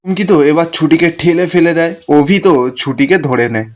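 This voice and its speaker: A man retelling a TV serial episode in steady storytelling, voicing each character's lines. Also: on the high side, a little fast. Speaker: serial recap narrator.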